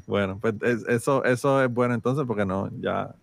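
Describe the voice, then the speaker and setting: Dry-sounding podcast co-host. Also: male voice, on the low side, creaky, no room sound. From Puerto Rico. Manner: joking, rambling, drawn-out asides. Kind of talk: casual podcast banter.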